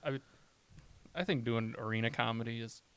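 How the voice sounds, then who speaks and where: Gravelly-voiced man telling comedy stories. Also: medium pitch, a little fast, fairly bright tone. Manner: rambling, storytelling, swears often. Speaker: stand-up comedian, podcast guest. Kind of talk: casual chat.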